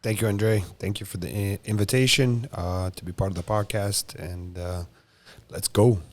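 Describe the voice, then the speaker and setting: A man's voice: on the low side, steady tone, moderate pace. A man from Brazil raised in South Florida, a jiu-jitsu competitor telling his story casually with lots of fillers. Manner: rambling, frequent "you know" and "uh" fillers. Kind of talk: casual interview chat.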